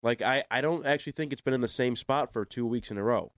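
A young American man with a stuffy, congested voice that sounds like a plugged nose talks quickly in a mid-range voice while hosting a casual sports talk radio show. He's chatty and self-deprecating. The dry, studio-quality recording was made on a desk studio microphone in a radio studio.

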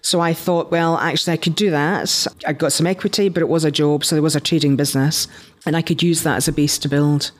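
This fast-talking woman has a low voice and a steady tone. In her fifties and from Scotland, with a matching accent, she founded a business and shares her career story conversationally as an interview guest.

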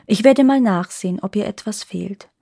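Lady doing a rough hunter guy, firm, storybook voice. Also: mid-range voice, moderate pace, warm tone, no room sound, clean studio sound. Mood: gruff. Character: gruff, bold male hunter.

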